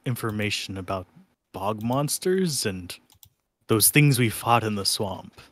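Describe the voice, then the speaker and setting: A man playing a tabletop game speaks slowly in a bright, lively voice. He jokes often and stays close and dry on the mic. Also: lowish voice, no room sound. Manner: bright, laughing, joking. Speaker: player. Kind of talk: tabletop role-play.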